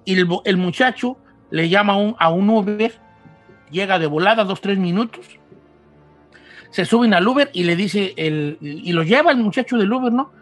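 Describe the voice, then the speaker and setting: A man's voice: moderate pace, faint music behind. A man telling a ghost story, acting out the dialogue with many restarts. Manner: lively, acts out dialogue in raised pitch, many restarts.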